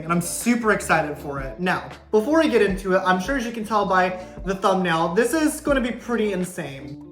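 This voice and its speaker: A woman YouTuber chatting excitedly through a casual unboxing vlog, her voice bouncing around a kitchen in a heavy echo. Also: medium pitch. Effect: heavy room echo. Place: kitchen indoors. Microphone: camera mic, no clip-on. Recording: echoey kitchen with faint music.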